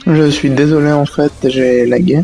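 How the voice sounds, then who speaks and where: A man chatting casually with a friend while they play a game together, reacting quickly to what happens. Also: a little high, steady tone, mellow, faint music behind. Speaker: teammate on voice chat. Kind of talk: casual gaming chat.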